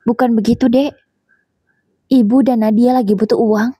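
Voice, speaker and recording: A woman's voice: a little high, steady tone, normal speed, mellow, breathy edge, no echo, clean studio sound. A woman voicing a meek adult husband who pleads and apologizes in a coaxing tone. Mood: pleading.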